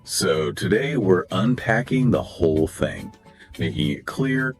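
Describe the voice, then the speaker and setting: A man co-hosting a scripted podcast dialogue, animated and acting out example phrases with big pitch swings. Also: unhurried. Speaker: podcast co-host. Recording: soft music behind the voice.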